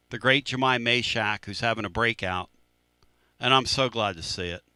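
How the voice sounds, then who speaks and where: A man's voice: mid-range voice, bright, forceful tone, clean tone, no echo. A man hosting a sports talk radio show, telling a story in a casual, emphatic way and repeating phrases.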